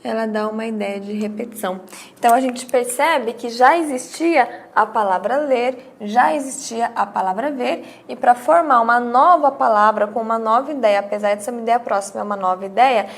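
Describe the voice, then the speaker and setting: A woman's voice: on the high side, a little fast. A woman teaching a grammar lesson, explaining step by step with rhetorical questions and acting out her students' questions.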